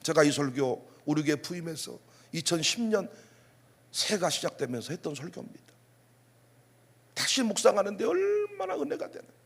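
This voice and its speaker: A middle-aged male pastor delivering a sermon in a very high, husky voice. His pitch swings widely as he fires off rhetorical questions and bursts into loud exclamations. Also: moderate pace. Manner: animated preaching with rhetorical questions and outbursts.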